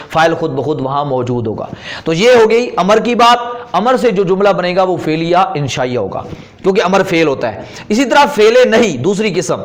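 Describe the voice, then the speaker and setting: A man with a fairly high voice teaches grammar in a lecture, speaking with an Urdu accent. He explains step by step and repeats key words slowly so students can follow. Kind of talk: classroom lecture.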